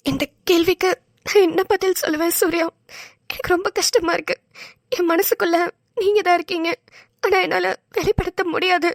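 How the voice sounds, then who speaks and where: A woman's voice: very high-pitched, fairly even intonation, moderate pace, no room sound, studio quality. A woman voicing a tearful young woman. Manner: pleading, tearful. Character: tearful young woman pushing a suitor away. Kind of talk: cartoon voice acting.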